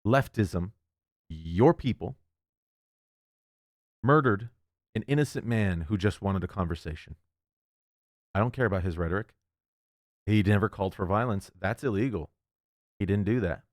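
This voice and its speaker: A man's voice: on the low side, animated, moderate pace, pauses often, no echo, studio quality. Heated man ranting over an article. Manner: heated and indignant, breaking off into rants; stumbles and restarts often. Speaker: political commentator. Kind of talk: reading an article aloud with commentary.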